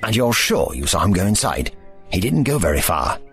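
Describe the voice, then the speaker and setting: An actor playing a cantankerous, ancient time-travelling doctor in an audio drama, with formal, wordy diction and an impatient manner. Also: male voice, lowish voice, big pitch swings, normal speed, a bit bright, soft background music. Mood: brisk, pensive. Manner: pompous, impatient.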